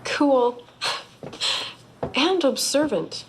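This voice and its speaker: Excitable young female assistant, high and gushing, TV drama mix with faint noise. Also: extremely slow, full character voice. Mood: excited.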